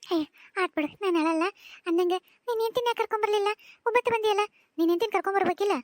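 A woman's voice: very high voice, quick pace, no room sound, clean studio sound. A woman voicing a doting older village mother with a North Karnataka accent, tearful and pleading, in a cartoon. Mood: gentle. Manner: pleading, emotional. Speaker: voice actor. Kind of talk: cartoon voice acting.

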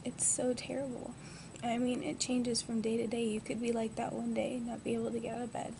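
Groggy girl around 20 doing a casual vlog, lots of vocal fry, noisy webcam sound. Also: fairly high pitch, monotone, a little fast. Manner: groggy, subdued. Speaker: vlogger. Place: lying in a hospital bed indoors. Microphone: built-in device mic at close range. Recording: noisy amateur webcam audio.

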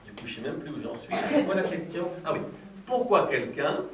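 Playful high-voiced man questioning a class. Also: sing-song, moderate pace, a crowd in the background. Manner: playful, probing, teasing questions. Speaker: philosophy workshop leader for children. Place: school classroom with children. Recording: roomy, from a distance, faint background noise.

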